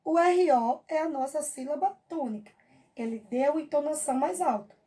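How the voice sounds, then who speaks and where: A Brazilian woman teaching a children's review lesson in a high but mellow voice. She talks patiently and draws out each example word. She keeps checking in with her young listeners. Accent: Brazilian Portuguese. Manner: patient, drawn-out examples, frequent check-ins with the class.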